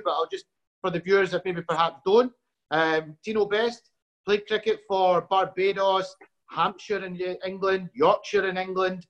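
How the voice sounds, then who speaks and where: A man hosting a casual sports interview, friendly and halting with lots of fillers. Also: high voice, fairly bright tone. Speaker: host.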